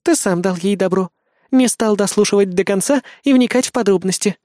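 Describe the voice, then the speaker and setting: Reader doing a blunt, sneering woman assistant, voice pushed high, close and dry. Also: brisk, dark tone, dry recording, close to an everyday voice. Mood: exasperated. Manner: scolding, mocking. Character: sarcastic female assistant, blunt and exasperated.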